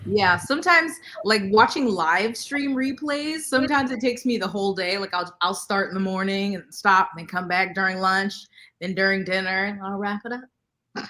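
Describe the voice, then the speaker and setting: A woman talks with bubbly enthusiasm in a casual live-stream chat, her voice sitting at an everyday middle pitch. She is on a video call with other booktubers and breaks into laughs between thoughts. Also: moderate pace, pushed and bright. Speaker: booktuber on a panel.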